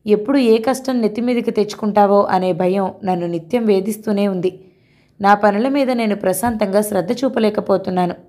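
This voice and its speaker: A woman's voice: mid-range voice, a little fast, close to an everyday voice. A woman reading a tender, pleading young groom. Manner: gentle, coaxing and reassuring.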